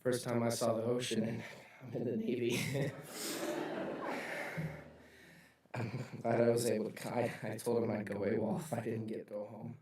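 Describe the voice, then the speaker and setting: A young man in his twenties giving a halting, emotional memorial speech for his best friend. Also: mid-range voice, little pitch movement, warm tone. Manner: halting, emotional, sighing between phrases. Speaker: eulogy speaker, best friend. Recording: echoey hall, mic far off.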